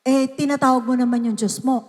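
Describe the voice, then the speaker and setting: A woman with a Filipino accent preaching a sermon, mixing languages and breaking into loud, pleading cries. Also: high voice, steady tone, fast talker, in a large hall. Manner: code-switching, swings to shouted pleas.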